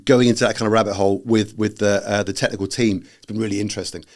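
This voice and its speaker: Brief: male British podcast co-host, low-pitched, rambling casual chat with many ums and restarts. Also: steady tone, fast talker. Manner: rambling, full of fillers and restarts.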